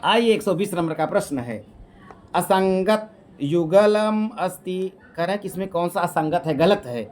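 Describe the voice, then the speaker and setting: A man teaching Sanskrit exam questions, reading options aloud, slowly chanting verses and explaining each answer in casual, repetitive speech. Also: high voice, expressive. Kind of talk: exam question walkthrough lesson.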